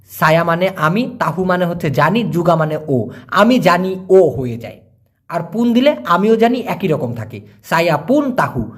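A man teaching language, answering viewer questions and slowly repeating words for learners. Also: sits high.

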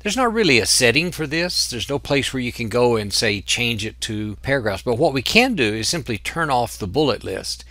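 A man teaching software in a screen-recorded tutorial, explaining each step patiently. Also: medium pitch, big pitch swings, normal speed, few pauses, no room sound. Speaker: software instructor.

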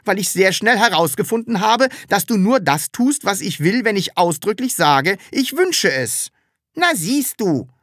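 A woman voicing a cheeky, stubborn, childlike magical creature in an audiobook, with a high, bright voice and an insistent, excitable way of talking. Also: a little slow, no echo, clean studio sound. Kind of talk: audiobook character reading.

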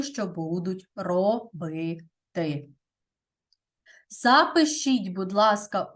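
A woman teaching a primary school grammar lesson, speaking deliberately and often checking in with "так?". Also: medium pitch.

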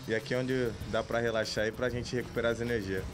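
A man's voice: medium pitch, fast, faint music behind. Young male athlete, laid-back banter, handheld mic at home. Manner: relaxed, joking, laughs often. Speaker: football goalkeeper being interviewed. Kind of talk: casual home-tour interview. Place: apartment indoors. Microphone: handheld reporter mic.

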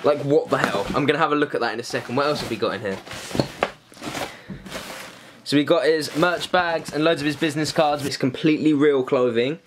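A young man, talking excitedly and in slang while vlogging an unboxing into a handheld camera. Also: a little high, a little fast. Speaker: vlogger host. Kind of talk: casual vlog unboxing and exploring. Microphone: handheld camera mic. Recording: noisy handheld camera audio.

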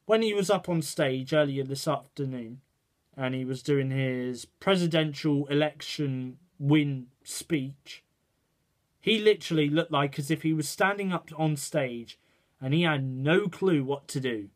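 A man's voice: a little high, measured pace. A man ranting his opinions to camera in a rambling way, checking in with "right" and "okay". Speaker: vlogger. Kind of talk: casual opinion rant to camera.

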